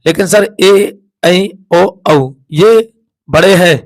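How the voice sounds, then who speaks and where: Speaking extremely slowly in a high voice, a Hindi teacher leads a classroom lesson at a board. He voices the vowels repeatedly and asks questions that he goes on to answer himself.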